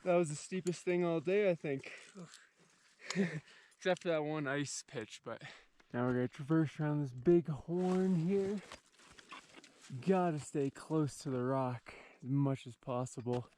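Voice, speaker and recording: A man's voice: on the high side, measured pace, mellow, slight background noise. A man giving casual, slangy, exclamatory commentary as a climber outdoors. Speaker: mountain climber. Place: outdoors on a mountain ridge.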